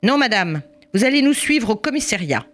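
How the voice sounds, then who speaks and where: A woman's voice: fairly high pitch, sing-song, normal speed, a bit bright, pitched above the performer's own voice. A woman voicing a stern, suspicious male police officer who speaks insistently and accuses. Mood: firm.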